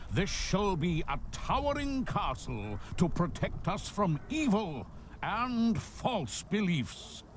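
A man's voice: high-pitched, a little hiss or hum, exaggerated voice. An actor playing a churchman who solemnly addresses a congregation about a cathedral and God's will. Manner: grave, solemn proclamation. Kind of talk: sermon-like address.

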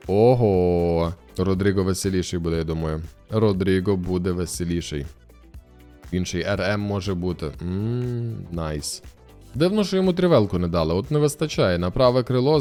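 A young man from Ukraine giving chatty gameplay commentary as a streamer, musing aloud with sudden excited outbursts. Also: on the low side.

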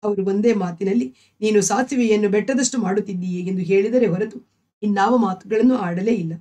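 A woman's voice: medium pitch, a little fast, mellow, lightly acted. A woman reading as a grieving young wife. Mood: pleading, grieving. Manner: pleading, sorrowful. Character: grieving young wife and mother, gentle and devout.

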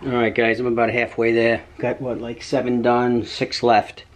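A man's voice: mid-range voice, completely flat delivery, normal speed, faint music behind. A middle-aged man hosting a casual DIY vlog, chatting easily and joking as he works on a staircase in his home.

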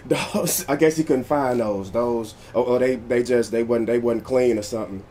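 A man's voice: mid-range voice, normal speed, dark tone, a little hiss or hum. A man hosting a casual commentary vlog, joking loosely and reading posts aloud. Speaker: vlog host recapping battle rap drama.

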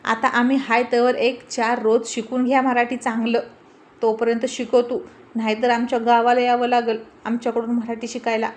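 A woman voicing a bossy, quick-witted village man who orders hotel staff around, scolding and teasing in a commanding tone. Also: fairly high pitch, flat delivery, lightly acted. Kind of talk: storybook reading with character voices.

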